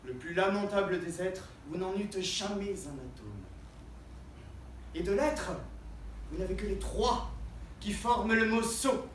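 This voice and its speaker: Hammy, high-pitched proud swordsman-poet. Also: expressive, unhurried, long pauses. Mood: scornful pride. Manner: hammy, declamatory, swinging between hushed asides and booming cries. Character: proud, mocking, witty swordsman-poet showing off. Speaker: stage actor. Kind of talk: theatrical verse monologue, French classical stage acting. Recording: roomy, distant mic, faint background noise.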